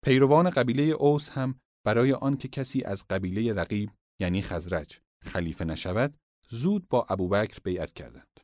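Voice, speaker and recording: A man giving formal, measured scripted narration of religious history. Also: on the low side, animated, darkish tone, no echo, studio quality.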